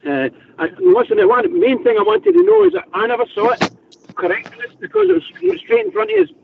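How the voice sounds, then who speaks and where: Phone-in caller: man, husky, high-pitched, heard over a thin, faraway phone line. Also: wildly swooping pitch, fast, noisy background. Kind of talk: casual call-in chat. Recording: muffled phone line from far off.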